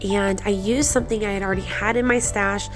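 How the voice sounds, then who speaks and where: A woman with a medium-pitched, breathy voice that sounds congested with a cold. She narrates a craft tutorial casually, with chatty, encouraging asides. Music plays behind her voice. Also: steady tone, brisk. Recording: background music under the voice.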